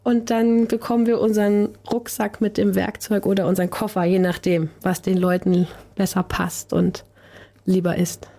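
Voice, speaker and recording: A woman's voice: mid-range voice, level tone, normal speed, mellow. A woman hosting a community radio show, chatting cheerfully and laughing often as she wraps up. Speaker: radio host.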